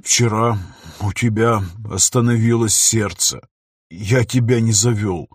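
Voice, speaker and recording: A man with a husky voice voicing a grieving old man who murmurs slowly through tears. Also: on the low side, fairly even intonation, no echo, clean studio sound. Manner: slow, tearful murmuring. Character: grieving old man, the professor's loyal friend.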